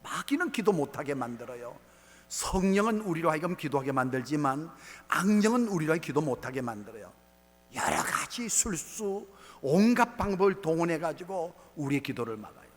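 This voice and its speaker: A middle-aged man, a pastor, preaching a sermon in a large church sanctuary, rising to shouts and dropping to quiet asides. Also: on the high side, very animated, fairly quick. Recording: long hall reverb.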